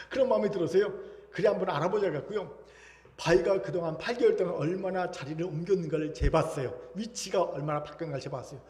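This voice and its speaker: A man's voice: high voice, darkish tone. A male pastor preaching a Sunday sermon, telling a story with emphasis and rising feeling. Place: church sanctuary. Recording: echoey church hall reverb.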